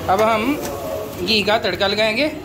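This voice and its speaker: A man hosting a cooking channel, calmly explaining each step of a big-pot recipe as he works in an outdoor courtyard. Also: high-pitched, measured pace. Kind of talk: cooking demonstration narration. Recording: noisy outdoor recording.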